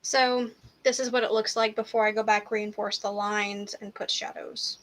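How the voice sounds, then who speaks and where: A woman chatting casually on a livestream while she paints, relaxed and teasing, with casual swearing. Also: medium pitch, moderate pace. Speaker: streamer painting with watercolors.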